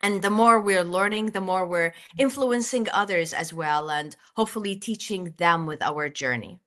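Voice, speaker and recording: A woman from Jordan, appearing as an interview guest, tells her personal story in an earnest, deliberate way. Her voice is fairly low in pitch and a bit bright.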